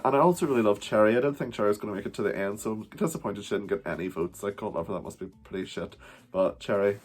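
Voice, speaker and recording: A man's voice: lowish voice, a little mellow, slightly rough. A man in drag doing a casual, rambling vlog review at home, swearing freely and often saying "wee". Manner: uses the word wee. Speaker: drag performer reviewing a TV show.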